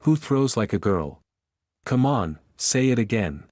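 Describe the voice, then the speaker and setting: A man's voice: medium pitch, sing-song, measured pace, darkish tone, no echo, clean studio sound. A man voicing a playful, teasing young woman in an audiobook romance.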